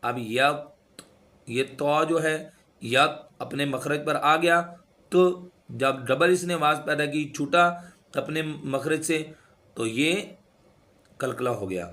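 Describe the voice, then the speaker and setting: A man teaching recitation rules, explaining each rule and then slowly chanting the words with drawn-out sounds to demonstrate. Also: fairly high pitch, bright, forceful tone. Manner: instructive, repeats sounds to demonstrate. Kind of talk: tajweed lesson.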